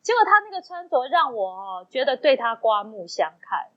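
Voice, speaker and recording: A woman's voice: fairly high pitch, moderate pace. A woman co-hosting a casual chat, telling stories in Taiwanese Mandarin and acting out the dialogue. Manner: animated storyteller, acts out quoted dialogue. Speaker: podcast co-host. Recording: dull lo-fi sound.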